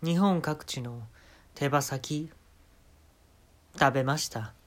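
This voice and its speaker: A man's voice: a little high, takes it slowly. A man with a Kansai Japanese accent hosting a podcast, telling an absurd comic story and giving mock-serious instructions in a casual monologue. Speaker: podcast host.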